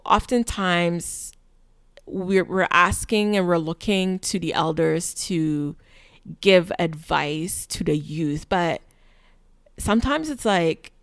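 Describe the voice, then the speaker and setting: A woman hosting a podcast in a relaxed, chatty way. Her voice sits low with a gravelly edge yet stays smooth, and the sound is dry and close. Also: no room sound. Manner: chatty, relaxed, many fillers. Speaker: podcast host. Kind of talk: casual podcast intro and interview.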